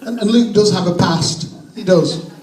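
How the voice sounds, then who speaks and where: A man giving a jokey, informal best man's wedding toast, speaking haltingly with many false starts. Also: high-pitched, a little mellow. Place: echoey room at a wedding gathering. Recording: distant mic in echoey room, audience noise. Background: crowd of guests reacting and laughing.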